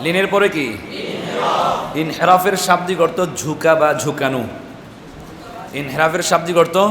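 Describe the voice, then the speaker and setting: A man teaching Quran recitation to a class, quizzing the students and drilling syllables again and again. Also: on the high side. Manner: drills students with repeated questions and chanted syllables. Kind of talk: classroom tajweed lesson. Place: large echoey madrasa classroom with students. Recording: echoey hall with noisy class.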